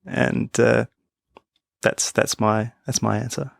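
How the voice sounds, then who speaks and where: A man's voice: mid-range voice, level tone, slow, vocal fry, dry recording, studio quality. A man co-hosting a sports podcast, talking in a thoughtful, musing way and laughing easily. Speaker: podcast co-host. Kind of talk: casual chat.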